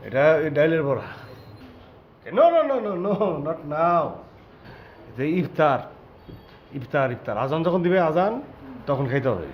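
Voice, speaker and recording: An actor playing a flustered bachelor who talks in a hushed, urgent way. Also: male voice, a little high, very animated, unhurried, pauses often. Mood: eager. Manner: hushed and urgent, pleading for quiet. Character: flustered bachelor hiding a foreign woman. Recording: echoey, dull and noisy location sound.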